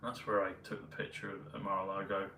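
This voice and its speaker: A man vlogging in a meandering, hesitant casual monologue full of pauses and fillers. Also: low-pitched, flat delivery, bright, forceful tone, slight background noise. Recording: roomy, mic at a distance, faint ambience.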